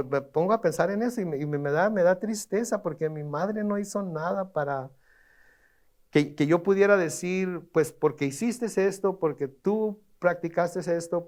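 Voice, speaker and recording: A man's voice: on the high side, a little mellow. A middle-aged man preaching a sermon, stammering over repeated words and asking the congregation rhetorical questions. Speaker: pastor.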